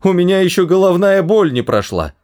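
A man voicing a panicky, whining Englishman thrown off a spaceship, in a strained high voice, for an audiobook. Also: huge pitch swings, normal speed, exaggerated voice.

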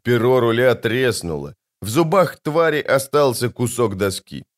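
A male narrator reads an adventure audiobook with drama and energy. His voice is of middling pitch and he paints the action vividly. The storytelling is expressive throughout. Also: unhurried.

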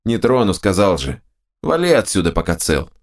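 A man's voice: sing-song, moderate pace. A man voicing the foul-mouthed, screechy right head of a male ogre in an audiobook, snarling and cursing. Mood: grumbling. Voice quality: shrill, creaky.

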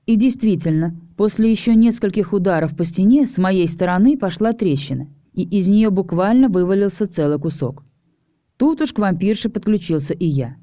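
A woman reading a story aloud as a male first-person narrator, in a steady, even storytelling manner. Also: medium pitch, moderate pace, no room sound. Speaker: audiobook reader. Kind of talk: scripted narration.

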